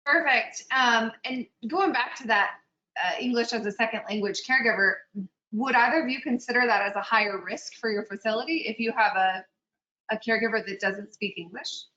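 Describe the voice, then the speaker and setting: A woman moderating a panel webinar on a video call, relaying audience questions with upbeat, quick acknowledgements. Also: a little high, pushed and bright. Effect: video call audio. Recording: muffled, roomy video call audio.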